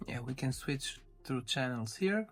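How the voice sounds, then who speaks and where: A man with a medium-pitched, expressive voice gives a casual unboxing walkthrough, speaking a little slowly over soft background music. He reviews a tech device informally, commenting step by step as he handles it.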